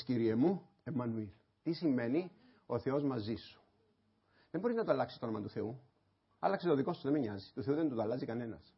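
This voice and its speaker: A man preaching a sermon as pastor in a church, moving between quiet explanation and passionate shouting. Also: mid-range voice, breathy edge. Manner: impassioned, swings from quiet talk to shouting. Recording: dull lo-fi sermon recording.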